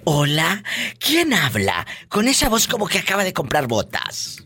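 A woman's voice: lowish voice, huge pitch swings, moderate pace, very noisy. A woman hosting call-in banter in a teasing, colloquial, exclamatory way. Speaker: radio show host.

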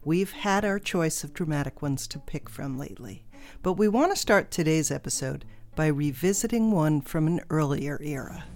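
A woman's voice: low voice, expressive, normal speed, a little mellow. A woman hosting a podcast in scripted narration. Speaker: podcast host.

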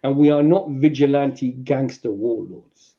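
A man with a London accent explaining a religious principle on a podcast in lecture style, with animated asides. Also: medium pitch, dull audio. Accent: London English. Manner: animated, acts out voices in his examples, fast asides. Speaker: Islamic speaker, podcast guest.

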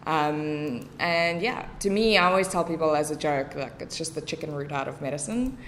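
A young South African woman with a South African accent, chatting casually as a podcast guest and often filling pauses with "um". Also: deep voice, a little hiss or hum. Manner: chatty, many fillers.

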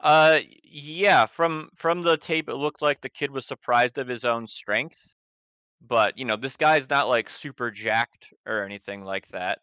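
Brief: male game master, casual rambling narration, clear smooth voice. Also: medium pitch, unhurried, sharp tone, no room sound, muffled recording. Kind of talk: narrating a tabletop horror game.

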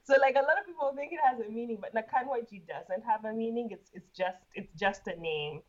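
A woman's voice: on the high side, brisk, highs cut off. A woman from Uganda, a guest in an interview, talking casually and laughing often, with frequent repeated words.

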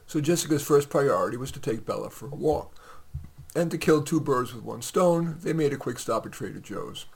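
A male author reading his short stories on a podcast, relaxed and conversational. His voice has a gravelly, husky grain, and he drops in the odd filler between lines. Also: mid-range voice, normal speed.

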